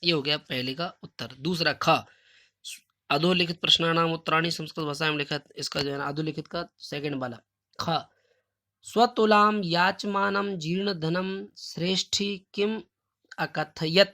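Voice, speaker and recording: Male schoolteacher, unhurried and deliberate, dictates answers word by word in a bright, forceful voice. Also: a little high. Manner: explains in everyday Hindi between recited lines. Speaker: Sanskrit teacher. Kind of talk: recorded class lesson.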